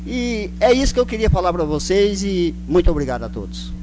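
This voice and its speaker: A man with a rural Brazilian caipira country accent giving a folksy, halting, informal speech as a town councillor. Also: high-pitched, sing-song. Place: council chamber. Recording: noisy, humming public address recording.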